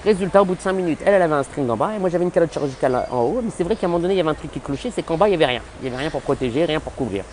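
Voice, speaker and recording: A man telling a funny personal story in an animated, exaggerated way, with many restarts. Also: fairly high pitch, very fast, hardly any pauses, slight background noise, poor audio. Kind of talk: comic storytelling monologue.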